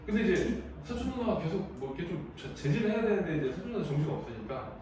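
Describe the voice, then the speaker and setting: Lively, chatty male teacher in an echoey room. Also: sits high, quick pace, recorded from a distance. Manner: chatty storytelling, lively, laughs often. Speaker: high school English teacher. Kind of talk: casual classroom lecture. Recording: very echoey room, voice from the mic, faint noise.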